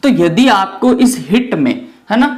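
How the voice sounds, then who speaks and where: A man's voice: sits high, expressive, measured pace. A middle-aged man, teaching a grammar lesson and stepping through it by asking and answering his own questions. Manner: explains step by step, often asks and answers his own questions. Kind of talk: classroom lecture.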